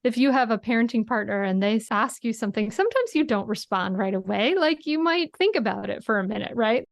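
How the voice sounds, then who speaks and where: A woman's voice: a little high, expressive, brisk, creaky, dry recording, clean studio sound. A woman guest explaining parenting practices in casual chat, earnest and explanatory, often adding a tag question.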